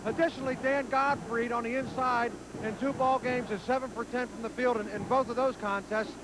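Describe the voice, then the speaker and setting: A man's voice: extremely high pitch, fairly even intonation, a little fast. A man giving sports analysis as a color commentator in a conversational, explanatory way. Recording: noisy live arena broadcast.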